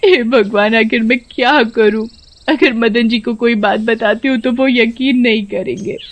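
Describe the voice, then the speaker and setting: A woman's voice: sits high, moderate pace, pitched above the performer's own voice, close to an everyday voice. A woman voicing a poor, mistreated young village bride who pleads and weeps. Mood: weepy. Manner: pleading, weepy. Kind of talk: storybook voice acting.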